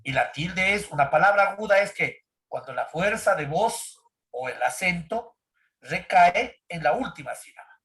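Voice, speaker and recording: A male teacher leads a grammar lesson over a computer mic. His voice sits a little high for a man, and he keeps checking in with his students and tossing questions at them. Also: lively intonation, normal speed, gravelly, fairly bright tone. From Ecuador. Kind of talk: online grammar class.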